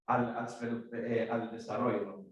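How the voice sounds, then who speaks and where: A native Spanish-speaking man with a Spanish accent gives a conference address as guest speaker, haltingly searching for words in a language not his own. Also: mid-range voice, level tone. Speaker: guest speaker, maritime law institute director. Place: echoey conference room. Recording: very echoey room, distant microphone.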